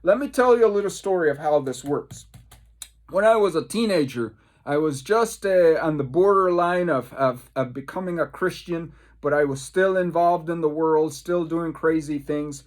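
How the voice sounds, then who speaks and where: A Caribbean pastor leads a devotional Bible study in a slightly high voice. He tells personal stories emphatically, repeating phrases and pausing for effect.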